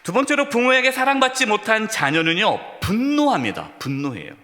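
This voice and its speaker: A man's voice: high voice, big pitch swings, moderate pace, pushed and bright. A man preaching a sermon as pastor to his congregation, speaking to them directly and with emphasis, in a church sanctuary. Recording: long reverb of a church hall.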